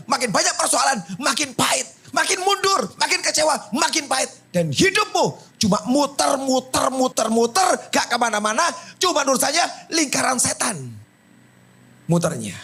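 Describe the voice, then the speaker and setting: Man preaching, loud then hushed. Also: very high-pitched. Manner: swings from shouted preaching to hushed, whispered prayer. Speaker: pastor. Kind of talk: sermon.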